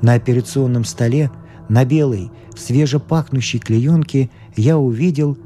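A man reading a literary story aloud in the first person, measured and expressive, with faint music behind. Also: mid-range voice. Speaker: narrator.

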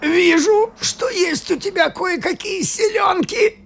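A man's voice: extremely high pitch, fairly bright tone, slight background noise, pitched above the performer's own voice, full character voice. Bellowing demon strongman, as a man puts him on. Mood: mocking, straining. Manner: bellowing, slow and drawn out. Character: boastful bullying male demon strongman. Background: faint music.

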